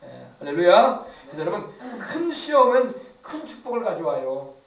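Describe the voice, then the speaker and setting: A man's voice: high voice, sing-song, moderate pace. A man preaching a rousing sermon as a pastor, with a regional Korean accent from the Yeosu area. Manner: rousing call-and-response preaching. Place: church sanctuary. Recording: echoey church from far off.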